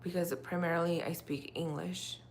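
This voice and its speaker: This livestream host, a young native Russian speaker, talks casually with viewers in a rambling, filler-heavy way. Her lowish voice keeps a fairly even intonation at normal speed, and faint background noise is present.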